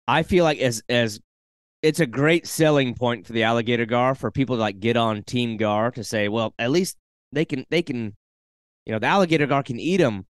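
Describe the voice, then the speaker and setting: A man's voice: mid-range voice, a little fast, smooth, no echo. A man hosting a podcast, talking earnestly and with enthusiasm, using a lot of filler words. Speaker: podcast host. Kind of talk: casual chat.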